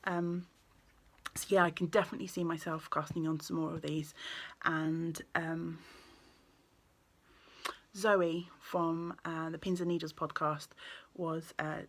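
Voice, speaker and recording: Woman, low-ish voice, casual vlogger; rambling, lots of ums and restarts. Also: level tone, measured pace. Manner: rambling, with many ums and self-corrections. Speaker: knitting vlogger and yarn shop owner. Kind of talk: casual chatty vlog.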